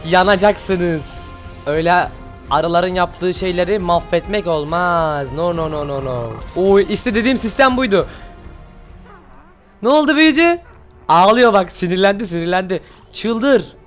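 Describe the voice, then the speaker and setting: Excitable high-voiced man reacting. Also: normal speed, soft background music. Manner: animated, shouts at the screen, slangy. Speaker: channel host reacting to an animation.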